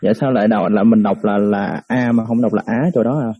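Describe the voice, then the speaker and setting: A man, a student asking halting, repeated questions in an online class. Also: on the low side, steady tone, slightly rough, dull audio. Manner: halting, stammers and rephrases questions.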